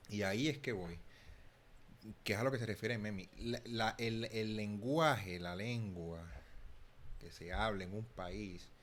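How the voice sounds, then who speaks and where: A man's voice: fairly low pitch, a little slow, fairly bright tone, a little hiss or hum. A young Puerto Rican man with a Puerto Rican Spanish accent, talking casually as a channel host and often restarting his words. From Puerto Rico. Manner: thinking aloud, frequent restarts and repeated words. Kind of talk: casual commentary.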